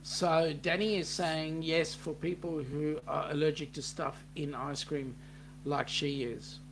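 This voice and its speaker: A gravelly, slightly raised male voice with a New Zealand accent, talking at an unhurried pace. He co-hosts a casual livestream chat and reads out viewer comments, filling gaps with ums. A faint hum sits behind him. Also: on the high side. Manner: relaxed, reads out chat messages with filler ums.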